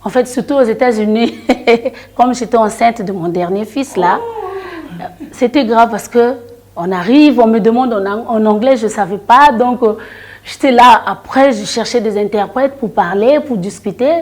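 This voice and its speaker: A middle-aged singer and storyteller from the Republic of the Congo answers interview questions hesitantly, restarting often, using many fillers and frequently trailing off quietly. Her voice is fairly high and her speed normal.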